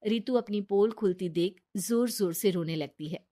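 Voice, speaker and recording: A woman narrating a cartoon story in a plain, even way. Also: medium pitch, normal speed.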